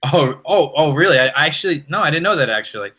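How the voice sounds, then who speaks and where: A young man co-hosting a podcast, talking in an animated, rambling way with frequent restarts. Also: on the high side, fast. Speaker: podcast co-host. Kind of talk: casual chat.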